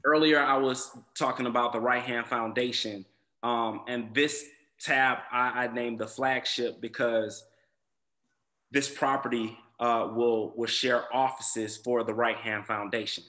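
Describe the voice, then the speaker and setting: A man from Southwest Atlanta, USA, gives an earnest, prepared presentation to a zoning commission, peppered with ums and repeated words. His mid-range voice is bright and forceful yet steady in tone, and he speaks a little slowly.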